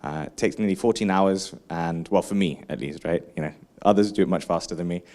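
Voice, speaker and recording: A man giving a lively conference keynote, engaging the audience with questions and frequent asides. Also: low-pitched, fairly quick. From England. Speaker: keynote speaker.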